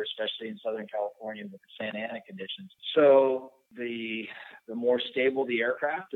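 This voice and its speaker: A man in his fifties, a helicopter pilot with a fire department, answering interview questions thoughtfully and pausing to search for words. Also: medium pitch, vocal fry, no room sound. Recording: tinny phone line.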